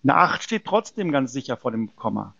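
Gravelly-voiced man explaining gold investing. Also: medium pitch, big pitch swings, moderate pace, pushed and bright, dry recording, highs cut off. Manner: explanatory, hesitant with fillers and restarts. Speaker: precious metals company representative. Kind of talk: conversational interview answers.

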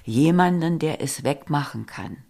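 A troubled married man speaks in hushed, halting lines, as a woman reads him out. The delivery is slow and drawn out, with a gravelly edge. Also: low voice, animated, heavily acted.

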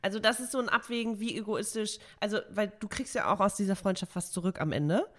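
A woman's voice: mid-range voice, fast talker. Female podcast co-host, candid and thoughtful, talks things through. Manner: frank, reflective, weighing things out loud. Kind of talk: casual chat.

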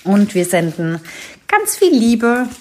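Woman recording a voice memo, relaxed storyteller who pauses with fillers. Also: medium pitch. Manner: unhurried storytelling with many fillers. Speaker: listener sending a voice message; mother. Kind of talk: casual spoken anecdote.

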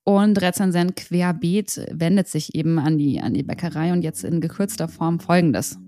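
A woman's voice: on the low side, normal speed, warm tone, no room sound. A woman co-hosting a podcast, chatting casually, laughing often and reading out reviews in the same easy voice. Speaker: podcast co-host.

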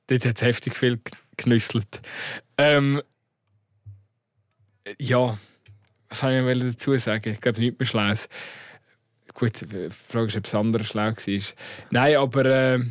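A man's voice: mid-range voice, fairly even intonation, a little slow, long pauses, no echo, studio quality. A man with a Swiss accent in a casual, rambling, colloquial chat about football, as a podcast host.

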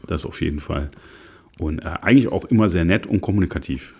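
Low gravelly man in casual chat. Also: fast, a little mellow, slight background noise. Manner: rambling, many restarts and fillers. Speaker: podcast co-host.

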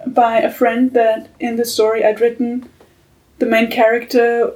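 Candid woman, slightly higher voice. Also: darkish tone, recorded from a distance, rough recording. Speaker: podcast co-host. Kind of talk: casual round-table chat.

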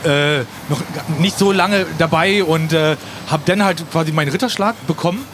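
A man's voice: fairly high pitch, moderate pace, fairly bright tone, a little hiss or hum. A man telling an anecdote in a casual podcast chat, hesitant with many fillers. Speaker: storyteller guest.

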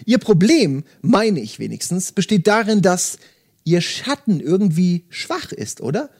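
Casting: man voicing wise, courteous cat for a book reading, slightly raised, lively pitch. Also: a little slow, slightly rough, exaggerated voice. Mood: calm. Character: calm, wise old cat, polite and curious.

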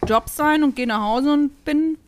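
Woman, chatty storyteller, slightly high voice, dry close sound. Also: measured pace, dry recording. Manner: chatty storyteller, lively, many fillers. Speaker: podcast co-host telling a story. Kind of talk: casual chat.

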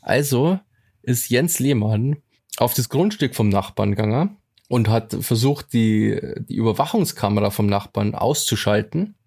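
A man co-hosting a relaxed podcast and telling stories in a loose, slangy way, with English words slipped in. His voice has a gravelly fry at a middling pitch. The recording is dry and close to the mic. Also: normal speed, dry recording. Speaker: podcast co-host. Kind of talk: casual chat.

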